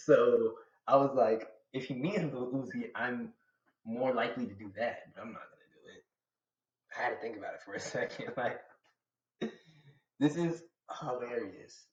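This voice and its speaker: A young man from Atlanta talks casually and at length on a live stream, slangy and chatty as he answers his chat. His voice sits at an ordinary middle pitch. It is caught in a roomy space with a slightly muffled, dull sound. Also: moderate pace. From Atlanta, USA. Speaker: live streamer reacting to manga.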